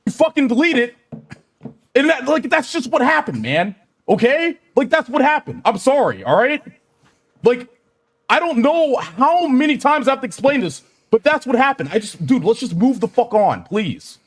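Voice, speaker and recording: A man's voice: very high voice, very animated, moderate pace. A man talking casually on a stream, defensive and exasperated, swearing and repeating himself.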